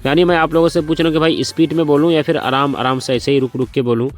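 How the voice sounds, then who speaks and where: Fast-talking man explaining bike loan sums. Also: a little high, fairly even intonation, soft background music. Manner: repetitive, walks through sums step by step, addresses viewers as brothers and friends; speaking slowly and deliberately by choice. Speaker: motorcycle finance explainer. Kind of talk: casual explainer vlog.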